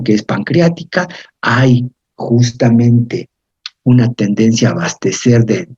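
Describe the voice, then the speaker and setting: A man's voice: medium pitch, mellow, breathy edge. A man giving a university physiology lecture, explaining step by step and often checking in with his students. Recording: dull lo-fi lecture recording.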